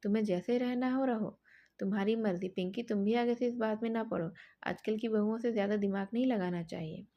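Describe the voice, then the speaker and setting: A woman's voice: medium pitch, brisk, highs cut off, natural voice. A woman narrator voicing a stern, scolding middle-aged mother-in-law.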